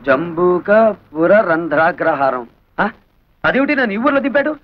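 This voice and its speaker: A cocky, lively young hero. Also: male voice, a little high, normal speed, dull audio. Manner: brash and teasing.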